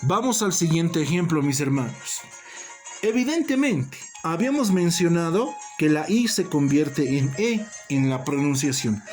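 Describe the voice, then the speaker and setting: With faint music behind, the teacher's mid-range, slightly mellow voice carries lively intonation through a recorded language lesson. Key terms get repeated deliberately, and listeners are called brothers and colleagues.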